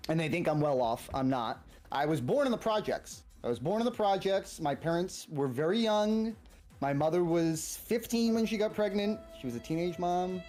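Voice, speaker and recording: Male, thirties, Boston accent, casual personal storytelling, halting, repetitive phrasing. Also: high-pitched, lively intonation, darkish tone, faint music behind. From Massachusetts, United States. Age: 30s. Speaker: streamer.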